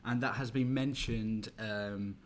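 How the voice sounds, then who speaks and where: A man's voice: fairly low pitch, steady tone, takes it slowly. A man co-hosting a game live stream, upbeat and promotional in casual chat.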